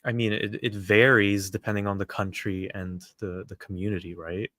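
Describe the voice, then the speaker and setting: Guy from dubai chatting on a stream, low voice, lots of uhs, dry sound. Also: moderate pace, no echo. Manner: relaxed, hesitant, many fillers. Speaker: livestream guest. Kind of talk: casual livestream chat.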